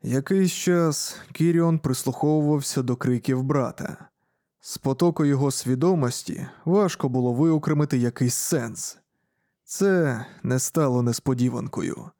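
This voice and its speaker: Man narrating an audiobook in a dark voice. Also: medium pitch, measured pace, no echo, clean studio sound.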